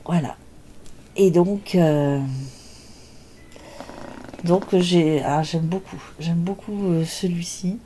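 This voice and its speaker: A woman's voice: fairly low pitch, steady tone, slow pace, pauses often, warm tone, slight background noise. An older woman hosting a knitting podcast, chatting casually and hesitantly with lots of filler sounds as she shows her work. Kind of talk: casual show-and-tell chat.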